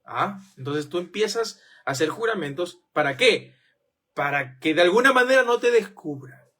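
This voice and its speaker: A man's voice: sits high, expressive, moderate pace, pushed and bright. A man preaching a sermon, firing off rhetorical questions and acting out the voices of the people he quotes.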